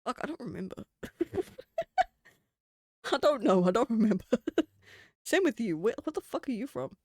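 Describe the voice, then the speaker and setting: This medium-pitched, very animated voice moves at normal speed, with no echo and studio-quality sound. It belongs to a New Zealand-accented streamer chatting casually live, rambling, swearing and laughing a lot.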